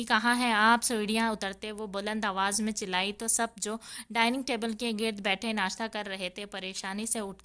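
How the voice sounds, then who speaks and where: A woman reading a romance novel aloud as narrator, steady and dramatic. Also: mid-range voice. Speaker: audiobook narrator.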